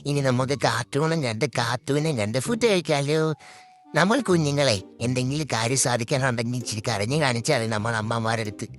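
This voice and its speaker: A man's voice: mid-range voice, fairly bright tone, close to an everyday voice. A man voicing the inner thoughts of a cheeky, scheming toddler boy, confiding mischievously to viewers in a comic voice-over.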